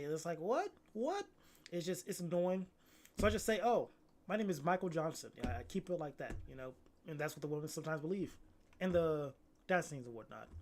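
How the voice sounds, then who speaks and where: Young man, easygoing slangy chat, voice sits a bit high. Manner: laid-back slangy, says "bro" often. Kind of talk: casual chat.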